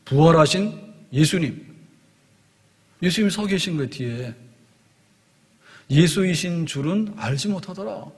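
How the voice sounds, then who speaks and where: Male pastor, husky and a bit high-pitched, preaches in short phrases that swell on key points; church reverb. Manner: explains in short spoken phrases, voice rising and strengthening on key words. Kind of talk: sermon.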